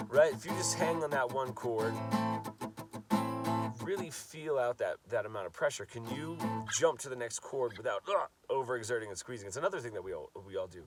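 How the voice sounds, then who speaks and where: A man's mid-range voice comes from well away from the microphone as he coaches a laid-back guitar lesson. Stuffy from a cold, he speaks loosely and repeats himself while demonstrating.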